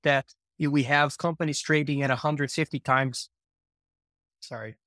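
A man speaking as an interview guest over a video call, his audio cutting in and out, talking haltingly and repeating words. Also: mid-range voice, steady tone, bright, forceful tone, dry recording, clean studio sound. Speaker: guest market analyst. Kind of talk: remote interview answers.

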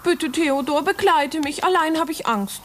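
A woman voicing a brave, curious young girl in a puppet play, eager and gently coaxing. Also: sits high, measured pace, slight background noise. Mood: pleading.

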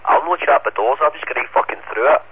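Over a tinny, static-filled radio transceiver link, a Scottish ham radio operator chats quickly in a husky, fairly high voice. He's casual yet combative and swears a lot.

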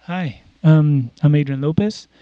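A man's voice: fairly high pitch, a little slow, no room sound, phone-quality sound. A man, a voice actor, playfully acting as his own interviewer in a comic voice demo reel.

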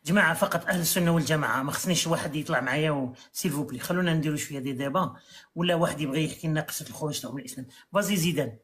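A man in his forties hosting a live call-in debate, brisk and repetitive, speaking into a phone held at arm's length in a small room. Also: fairly high pitch, a bit bright, a little hiss or hum. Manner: brisk, repeats himself while moderating. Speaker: live stream host.

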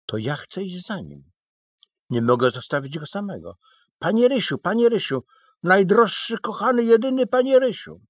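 Storybook figure, frantic fussy little gentleman, high pleading cries, husky edge, as a male reader puts him on. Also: big pitch swings, normal speed, no echo. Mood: agitated.

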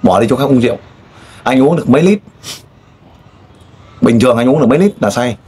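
A man interviewing a guest in a casual way, pressing with pointed, teasing questions and loud exclamations. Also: medium pitch, lively intonation, quick pace, husky. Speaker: street interviewer.

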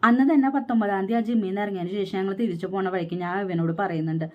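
A pregnant young vlogger with a mid-range voice and fairly even intonation tells her personal story, fast and aggrieved, quoting others along the way. A slight hiss or hum sits under the audio.

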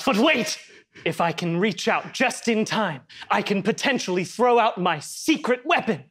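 Man doing a high, husky, astonished anime rival. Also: lively intonation, unhurried, a bit bright, exaggerated voice. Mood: desperate resolve. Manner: dramatic anime rival delivery, breathless disbelief. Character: astonished young anime rival narrating his own desperate thoughts. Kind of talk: improvised anime parody on a comedy game show.

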